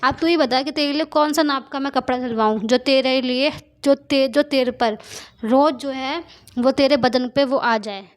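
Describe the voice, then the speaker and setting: A woman teacher going through a poem line by line, reading each verse slowly and then explaining it in simple everyday words with some English mixed in. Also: high voice.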